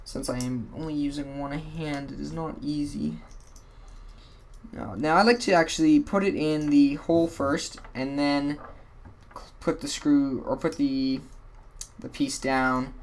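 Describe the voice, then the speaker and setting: A male tutorial host with a mid-range voice gives a casual how-to walkthrough, rambling in an offhand manner and often correcting himself. His voice comes across tired and a little worn, and there's slight background noise.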